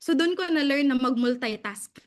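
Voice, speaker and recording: A young Filipino woman with a Filipino accent telling a story in a casual talk, animated and often laughing as she switches between Tagalog and English. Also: sits high, moderate pace. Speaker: guest speaker.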